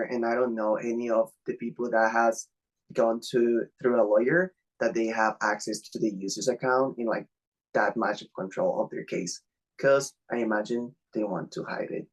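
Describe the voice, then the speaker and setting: A Mexican man, a native Spanish speaker, talks in Mexican-accented English as an interview guest on a video call. He sounds earnest and slightly halting with non-native phrasing, at medium pitch with fairly even intonation, and the recording is muffled.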